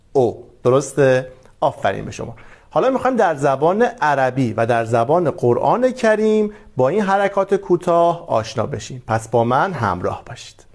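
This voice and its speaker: A man teaching a Quran lesson to children, speaking gently and encouragingly and reading letters aloud for them to repeat. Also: a little high. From Iran.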